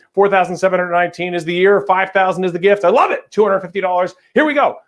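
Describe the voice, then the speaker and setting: A man leading a live fundraising appeal, energetically calling out donations and cheering on the crowd. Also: fairly high pitch. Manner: energetic, upbeat, rapid-fire calling out of gifts. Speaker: fundraising auctioneer.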